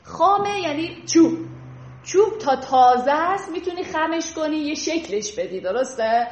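A woman teaching classical poetry. She reads the verses slowly and measuredly, then explains them quickly in casual everyday speech. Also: high-pitched, animated, a little mellow, a little hiss or hum. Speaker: literature teacher. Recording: roomy echo.

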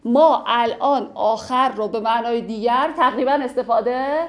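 Woman teacher explaining old poetry to a class. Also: on the high side. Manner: explains patiently, recites verses slowly, light humor. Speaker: literature teacher.

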